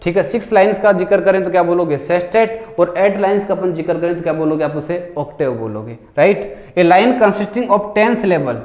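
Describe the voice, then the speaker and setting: A male teacher, giving an exam-prep lecture. He keeps asking the class questions and answering them himself, and he reads English question text out slowly, word by word. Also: high voice, darkish tone, reverberant.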